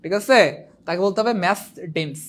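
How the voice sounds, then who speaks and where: A young man who teaches an exam prep lecture in an animated, teasing way, repeating points and quizzing his viewers. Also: high voice, normal speed. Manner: animated, repetitive, teasing, asks the viewers questions. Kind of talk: online lecture.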